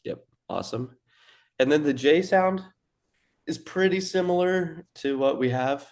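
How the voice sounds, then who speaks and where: A young man teaching a language in a relaxed, casual way, with filler words and restarts. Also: fairly high pitch, measured pace. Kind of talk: casual lesson.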